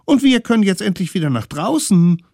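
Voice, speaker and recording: A man voicing a bunch of excited, boastful little stone-age children who shout and chant in a children's radio story. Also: high-pitched, a little fast, gravelly, no echo, studio quality, pitched above the performer's own voice, exaggerated voice. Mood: defiant.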